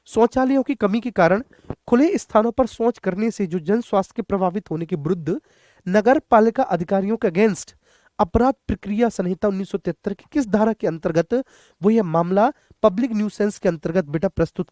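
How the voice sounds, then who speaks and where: A man with a high-pitched, slightly mellow voice teaches a question-and-answer exam prep lesson, recorded in studio quality with no echo. He speaks straight to the students, repeats key points, mixes in English terms, and uses check-in phrases in an instructive, repetitive way.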